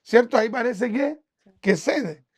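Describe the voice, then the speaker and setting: With an extremely high, animated voice at a measured pace, a Chilean-accented pastor preaches a sermon during a church service. He speaks conversationally, putting one rhetorical question after another to the congregation.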